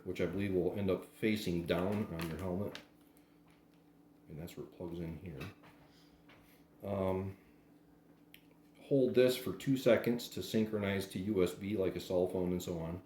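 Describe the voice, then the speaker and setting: Unboxing a product hands-on, this reviewer talks casually and without a script, plain and hesitant, pausing often. His voice is low, warm and unhurried, recorded with roomy echo and faint background noise.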